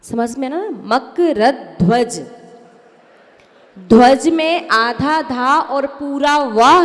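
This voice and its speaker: A woman, a Jain nun, teaching a hymn in a sermon-style lesson, chanting the verses slowly and correcting pronunciation line by line. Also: sits high, big-room sound.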